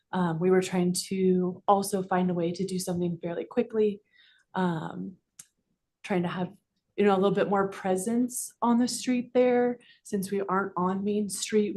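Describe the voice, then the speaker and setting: A woman's voice: medium pitch, a little mellow. Woman explaining her restaurant's plans to a council. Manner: informal, many fillers, explanatory. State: slightly out of breath. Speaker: restaurant representative. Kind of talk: public comment at council meeting. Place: council chamber. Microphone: desk microphone.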